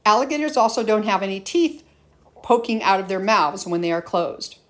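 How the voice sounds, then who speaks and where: A woman's voice: mid-range voice, lively intonation, moderate pace, a bit bright. Woman narrating an educational nature-documentary style lesson. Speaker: teacher presenting an educational lesson. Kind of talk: scripted educational narration with casual asides.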